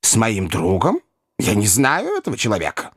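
A man's voice: on the low side, huge pitch swings, moderate pace, husky, dry recording, clean studio sound, exaggerated voice. A man voicing an elderly headmistress of a girls' school who speaks weakly and falteringly. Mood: faint. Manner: weak, faltering.

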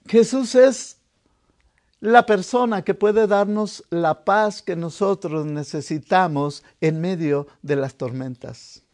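A man with a high voice preaches in a slow, drawn-out delivery. He tells the story with drama, dropping to a hush and then rising to a shout as he acts out the voices. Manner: dramatic, acting out the disciples' voices; swings from hushed to shouted. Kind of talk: sermon.

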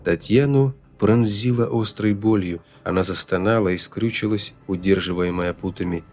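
Man, audiobook narrator, lowish voice, dramatic reading, faint background music. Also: normal speed. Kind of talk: scripted narration.

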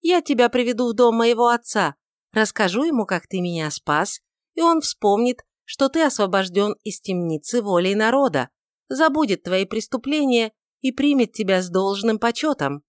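A woman voicing a proud, quick-tempered young beauty who talks in a mocking, defiant way, on a dry recording. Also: on the high side, lively intonation, dry recording, pitched above the performer's own voice, close to an everyday voice. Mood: exultant.

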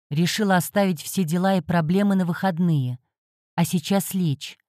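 A woman narrating a first-person fantasy audiobook with a wry, tired edge. Her voice is low and mellow, warm rather than bright. The recording is close and dry. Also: no room sound.

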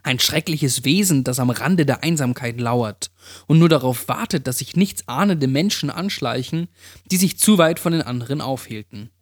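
Calm man reading a creepy story. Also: mid-range voice, husky, no room sound, studio quality. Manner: calm, slow, hushed storytelling. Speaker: horror story narrator. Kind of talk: first-person creepypasta reading.

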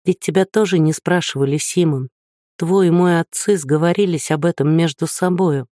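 A man's voice: on the high side, normal speed, dark tone, dry recording, studio quality, voice pushed up, lightly acted. A man voicing a shy but stubborn young woman in a storybook reading, speaking timidly and earnestly. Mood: hesitant.

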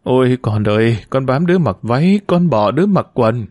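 A man's voice: mid-range voice, lively intonation, moderate pace, darkish tone, no room sound, studio quality, lightly acted. A man voicing a frail weeping old mother. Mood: grieving. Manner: weak, moaning, lamenting. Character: frail grieving old mother, sickly and tearful.

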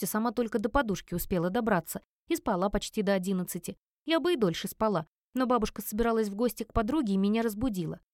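A woman reading a first-person romance novel aloud as an audiobook narrator, with expressive, emotive storytelling. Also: mid-range voice, no room sound, clean studio sound.

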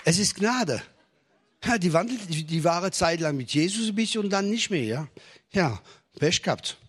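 Husky-voiced male preacher. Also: high-pitched, animated, normal speed, a bit bright. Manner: preaching to a congregation with jokes and rising emphasis. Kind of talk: sermon.

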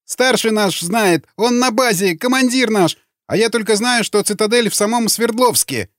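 A man doing a shrill, terrified captive begging for his life. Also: animated, moderate pace, a bit bright, no echo, studio quality. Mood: frightened. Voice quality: shrill, trembling pleading. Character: terrified captured young male gunman, begging.

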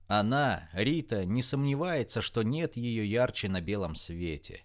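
A man reading an audiobook in an expressive, dramatic narration style. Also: lowish voice, measured pace.

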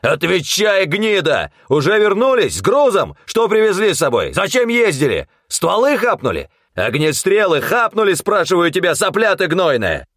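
A man voicing a brutal, furious male gang thug who snarls and shouts abuse. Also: sits high, wildly swooping pitch, moderate pace, hardly any pauses, no echo, studio quality, voice pushed up, heavily acted.

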